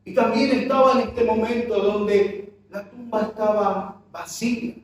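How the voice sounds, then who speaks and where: Guy preaching a sermon in church, super slow, lots of questions to the crowd, big echoey hall. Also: high-pitched, fairly even intonation, distant mic. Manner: impassioned preaching with rhetorical questions to the congregation. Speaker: pastor.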